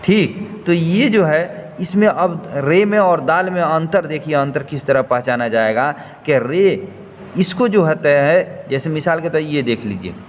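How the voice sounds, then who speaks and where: A man's voice: a little high, animated, measured pace. A man teaching how to write and read Urdu letters, explaining step by step and repeating each point patiently. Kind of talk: slow step-by-step lesson. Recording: faint noise, long hall reverb.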